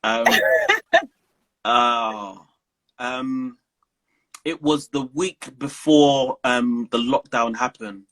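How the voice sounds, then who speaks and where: Bright-voiced playful man in an interview. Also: medium pitch. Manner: playful, animated, quick to laugh. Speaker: guest, preacher. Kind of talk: casual interview.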